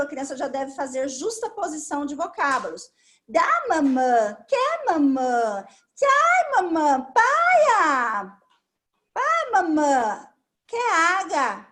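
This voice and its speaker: A Brazilian woman with a Brazilian Portuguese accent, a speech therapist guest explaining things patiently, step by step, in an interview. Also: sits high.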